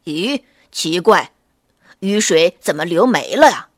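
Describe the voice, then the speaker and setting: A woman voicing a big, hungry male gray wolf in a children's story, loud and blustering, slow to catch on. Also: fairly low pitch, big pitch swings, dry recording, clean studio sound, voice pushed down, heavily acted. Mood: puzzled.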